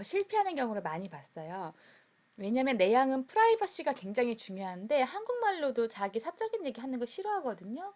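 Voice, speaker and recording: Lively-voiced woman giving a lecture. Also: a little high. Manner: explanatory, addresses students directly. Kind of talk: classroom lecture. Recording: dull lo-fi recording.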